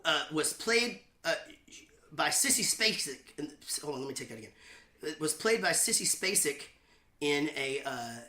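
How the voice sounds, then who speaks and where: A man with a bright, forward voice tells loose, self-mocking stories between songs. His jokes land deadpan, and the talk is casual and rambling. The room sounds roomy and echoey, with a faint guitar nearby. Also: fairly high pitch. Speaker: singer hosting his own online show.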